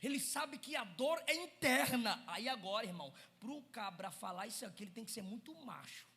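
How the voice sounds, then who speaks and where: High, bright-voiced Pentecostal preacher man. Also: lively intonation, fairly quick, vocal fry. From Brazil. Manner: swings between shouting and quiet asides, calls out to the congregation. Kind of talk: Pentecostal sermon.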